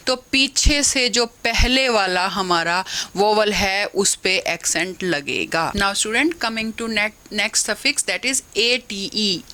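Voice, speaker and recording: Woman teacher, slow, bright delivery; patient step-by-step explainer of rules. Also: mid-range voice, low-quality recording. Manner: explains step by step, reads English rules slowly then restates them in Hindi. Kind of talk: phonetics lesson mixing Hindi and English.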